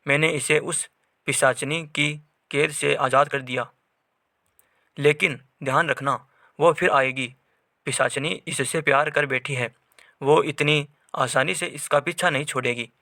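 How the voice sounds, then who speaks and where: A man's voice: a little high, fairly even intonation, unhurried, creaky, pushed and bright, no echo, studio quality, exaggerated voice. A man voicing a stern, commanding older male exorcist in a read-aloud story.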